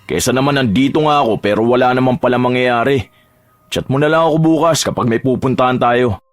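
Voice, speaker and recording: A man's voice: medium pitch, brisk, no echo, close to an everyday voice. A man voicing a young boyfriend who talks in a pleading, sulky way in a dramatized story.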